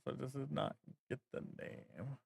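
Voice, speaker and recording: A male vtuber streamer chatting casually with his viewers, rambling and thinking aloud with plenty of fillers. His voice has a gravelly edge, recorded dry and close with no room sound. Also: medium pitch, moderate pace, darkish tone, no room sound. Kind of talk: casual stream chat while working.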